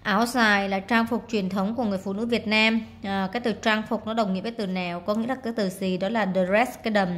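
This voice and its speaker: A woman's voice: mid-range voice, fairly even intonation, fast, hardly any pauses. Female teacher, casual exam walkthrough, chatty with fillers. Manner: casual, many fillers, reads words aloud and translates. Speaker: English teacher.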